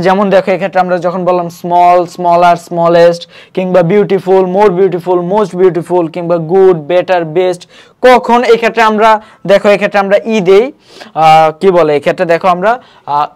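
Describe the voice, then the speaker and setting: ধীরে ধীরে সিলেবল ভেঙে বোঝানো শিক্ষক. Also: male voice, high-pitched, clear, resonant tone. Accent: Bangladeshi Bengali. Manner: explanatory, repeats checking phrases, spells out syllables slowly. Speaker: admission coaching tutor. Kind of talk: online grammar lesson.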